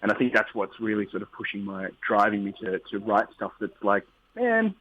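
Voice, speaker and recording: A man's voice: fairly low pitch, sing-song, fairly quick, no echo. A man, a musician guest, talking in a rambling, upbeat way with many restarts in a casual interview. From Australia. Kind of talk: casual interview over the phone. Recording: tinny phone line.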